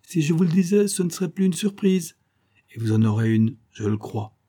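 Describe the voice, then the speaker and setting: A man's voice: fairly high pitch, big pitch swings, brisk, dark tone, pitched above the performer's own voice. A man reading a sly, teasing detective. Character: shrewd playful male detective.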